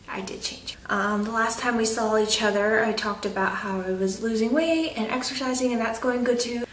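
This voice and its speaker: In a home update video, a young craft vlogger with a stuffy nose chats and rambles casually, using lots of fillers. Her voice is a little high. She's off-mic and recorded from a distance, so the sound has a roomy echo.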